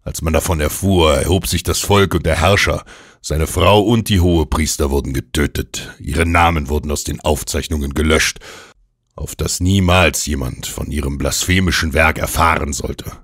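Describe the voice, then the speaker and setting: A feverish, domineering old uncle , as a male audiobook narrator puts him on, his voice extremely deep. He talks in a gruff, commanding way that turns slow and intense. The sound is dry and close. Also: steady tone, a bit bright, no room sound, full character voice.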